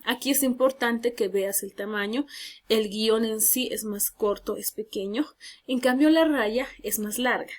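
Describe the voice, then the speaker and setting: A woman teacher giving a spoken grammar lesson, explaining step by step and reading examples aloud. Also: on the high side.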